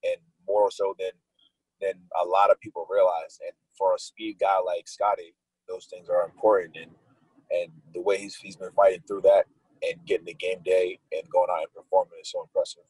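A man's voice: sits low, little pitch movement, normal speed, a little mellow, slightly rough, no room sound, poor audio. A young man, a football wide receiver, answering interview questions in a casual, laid-back way, full of likes and restarts.

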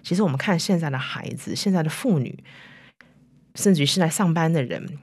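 Low-voiced woman, foreign-tinged Mandarin with English mixed in. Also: animated, a little fast, slightly rough, dry recording. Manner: mixes English words and tags like "right" into Mandarin. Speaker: interview guest, company chief executive. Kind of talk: conversational interview answers. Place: recording studio.

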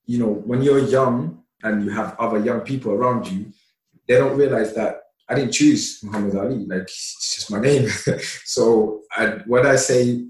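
A man from Somalia, a podcast guest, telling stories from his childhood in a relaxed, chatty way with lots of laughter and fillers. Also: medium pitch, normal speed. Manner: relaxed, laughs often, many "you know" fillers. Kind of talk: casual storytelling. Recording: roomy, distant mic.

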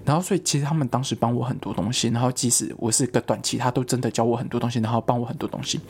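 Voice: medium pitch, racing, slight background noise. A young adult from Taiwan, casually telling a personal story with many fillers. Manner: chatty, many fillers, lively acted-out quotes. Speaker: vlogger.

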